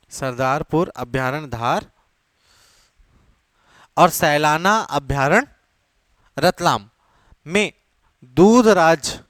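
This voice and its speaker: A man's voice: a little high, fairly bright tone, dry recording. A man teaching an exam coaching class, repeating key terms and checking often that students follow, with English words mixed in. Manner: repetitive, keeps checking with students. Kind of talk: classroom lecture.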